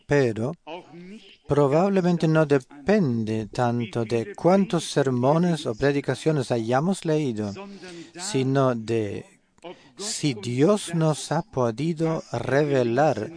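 A man delivers a sermon at an unhurried, deliberate pace. His voice sits at an ordinary middle pitch. He pauses often and fills the gaps with hesitant "eh" sounds as he searches for words. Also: expressive, darkish tone. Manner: slow, measured delivery with frequent hesitations. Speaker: preacher.

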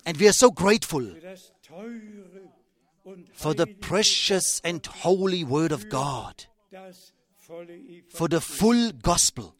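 An older man preaching a sermon in a slow, emphatic way, repeating his phrases and restarting as he goes. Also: a little high, lively intonation.

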